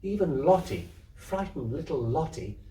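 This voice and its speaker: His voice sits on the high side, mellow and sing-song, and he speaks a little slowly as he reads a literary story aloud with dramatic, descriptive flair. This theatre troupe member is narrating expressively for an audience indoors at a community venue, captured by a distant microphone in an echoey space.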